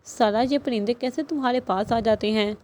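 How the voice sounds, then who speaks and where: A woman's voice: on the high side, a little mellow, lightly acted. A woman reading a playful teasing young man. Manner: teasing, light.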